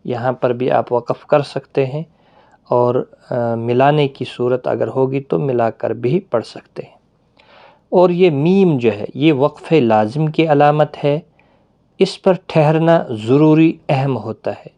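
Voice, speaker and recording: A man teaching a Quran reading lesson, explaining patiently with pauses and drawn-out fillers. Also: mid-range voice, warm tone.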